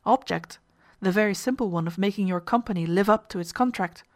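A relentless ghost of a dead man, read by a woman, speaks with icy, mocking insistence. The storybook voice sits mid-pitch and dry, with no room around it. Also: a little fast, no room sound, lightly acted. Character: cold, relentless ghost of a dead male passenger.

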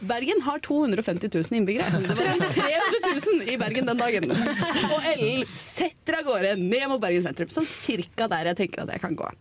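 Animated Norwegian woman telling stories. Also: hardly any pauses, crowd noise. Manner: animated, acts out quotes with big pitch jumps. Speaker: podcast co-host. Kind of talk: casual comedic storytelling.

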